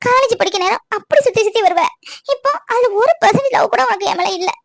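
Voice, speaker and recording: A woman's voice: extremely high pitch, fast, vocal fry, no echo, studio quality. A young woman voicing a lonely, tearful girlfriend who complains and pleads with her boyfriend.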